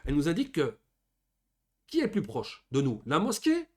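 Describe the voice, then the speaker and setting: A man's voice: a little high, wildly swooping pitch, moderate pace, a little mellow, slightly rough. A man giving a beginners' lesson, reading Arabic words aloud and patiently explaining each one in French. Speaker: Arabic teacher. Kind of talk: classroom lesson explaining grammar.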